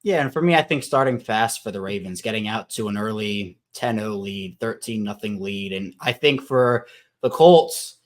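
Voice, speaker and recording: A man's voice: on the low side, expressive, moderate pace. Man hosting a casual football podcast. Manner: conversational, thinks aloud with restarts. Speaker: podcast host. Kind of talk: casual sports podcast chat. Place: Baltimore.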